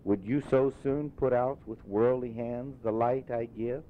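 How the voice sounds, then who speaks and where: A man voicing a gentle, solemn little ghostly spirit in a storybook reading, with a measured, grave, commanding manner. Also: fairly even intonation, lightly acted. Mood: reproachful. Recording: muffled phone-like audio, rumbling noise.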